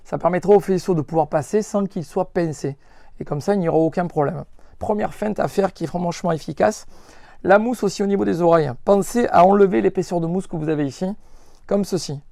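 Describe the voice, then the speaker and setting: Speaking unscripted as a motorcycle accessory shop presenter, a man walks through a product hands-on, emphatic and instructive, with frequent reminders of what's important. His voice is high, mellow and creaky, and he moves briskly. It's studio quality with no echo.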